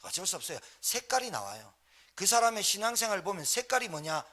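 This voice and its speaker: A man's voice: high voice, big pitch swings, brisk, pushed and bright. A middle-aged male pastor, preaching a storytelling sermon in a church and firing rhetorical questions at the congregation. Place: church sanctuary.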